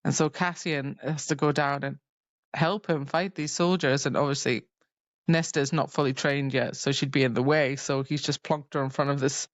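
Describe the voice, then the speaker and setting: A rumbling low voice belongs to a woman co-hosting a podcast, chatting through a book recap with plenty of "like" and acted-out quotes. She speaks at a normal speed with fairly even intonation, and the sound is lo-fi without echo.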